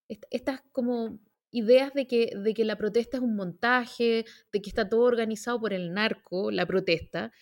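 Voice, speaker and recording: A woman with a Chilean accent, commenting emphatically on politics in a panel discussion, with many fillers and restarts. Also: on the high side. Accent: Chilean Spanish.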